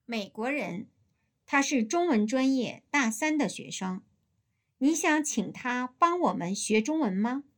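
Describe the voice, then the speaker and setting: A woman with a slightly high voice reads her part in a textbook conversation. Her delivery is careful and even, like a prepared lesson recording. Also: unhurried. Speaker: dialogue reader in a language lesson. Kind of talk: scripted textbook dialogue.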